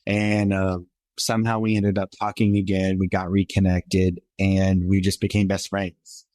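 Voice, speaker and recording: Speaking in a monotone, this podcast guest in his twenties rambles earnestly through his own story, leaning on fillers. His voice runs a little slow and a little mellow, somewhat high for a man, and the recording is dry.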